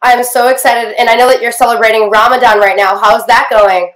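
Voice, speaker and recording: A young woman hosts a lively interview show over a video call from a room in her home, her voice slightly high, brisk and a bit bright with fairly even intonation. The video call mic gives the sound a roomy quality.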